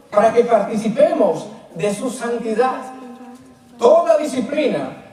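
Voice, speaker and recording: A pastor with a very high, mellow voice preaches an emphatic sermon, putting rhetorical questions to the congregation. The mic is distant, and the church hall is very echoey.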